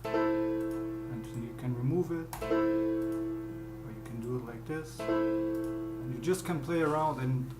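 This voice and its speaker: A young German-accented music producer, not a native English speaker, walks through building a beat on his computer in a screen-recorded tutorial, searching for words as he goes. His mid-range voice sounds roomy in a dim small room at home, with piano playing behind him.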